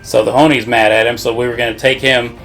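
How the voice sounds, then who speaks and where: A man's voice: medium pitch, level tone, quick pace, gravelly, fairly bright tone, faint music behind. A man casually recapping a video game story, rambling with lots of swearing and frequent laughter. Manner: rambling, profane, laughs often. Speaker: podcast co-host.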